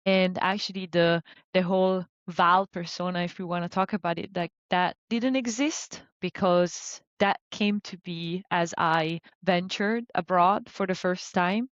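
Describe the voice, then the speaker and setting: A woman in her thirties from Italy, a business coach talking about her career in a relaxed, chatty way with many fillers. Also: fairly low pitch, no echo, highs cut off. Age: 30s. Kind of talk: conversational interview.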